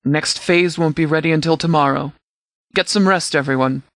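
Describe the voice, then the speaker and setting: A man plays a no-nonsense sheriff's department commander in a video game, delivering a measured, scripted briefing in formal, precise language. His voice sits on the high side and is fairly bright, and he sounds firm and raised.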